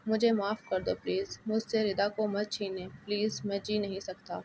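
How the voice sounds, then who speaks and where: A woman reading as a remorseful young man who begs to be forgiven. Her voice dips a little lower and softer than her narration, still flat in its movement. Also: slight background noise, lightly acted, rough recording. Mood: begging.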